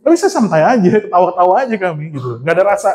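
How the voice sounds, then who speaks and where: A preacher with a notably high voice tells a long personal story in a relaxed, conversational sermon. He keeps turning to his listeners and teases himself along the way. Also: very fast. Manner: conversational storytelling, often addressing the congregation; humorous and self-mocking.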